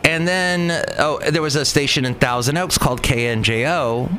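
A middle-aged American man from Southern California, a veteran radio broadcaster, rambles through personal reminiscences over background noise. His mid-range voice runs at normal speed, pushed and bright, and he's conversational, often correcting himself and wandering off on tangents.

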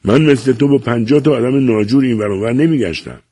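A man's voice: lowish voice, lively intonation, mellow, slightly rough, no room sound, voice pushed up. A man reading a novel aloud, voicing an elderly doctor who curtly and impatiently scolds his grown son. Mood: angry scolding. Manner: curt, commanding, exasperated.

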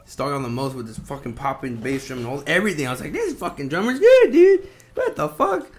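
A man's voice: a little high, very animated, fairly quick. A man playing guitar in a band, chatting casually, joking and swearing freely. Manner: laughs a lot, swears freely, jokey. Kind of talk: casual interview chat. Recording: noisy recording.

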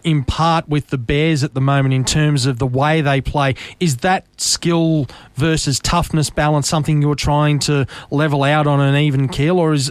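A man's voice: a little high, smooth, dry recording. Australian man hosting a sports interview. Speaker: sports show host.

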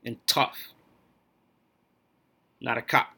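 Blunt, bright-voiced man ranting on a podcast. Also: very slow. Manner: blunt, profane and opinionated. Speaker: podcast host. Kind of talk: solo opinion podcast rant.

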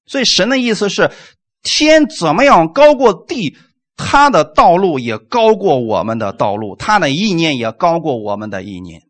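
A man preaching a sermon, animated and full of rhetorical questions, closing his points with "amen". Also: a little high, moderate pace.

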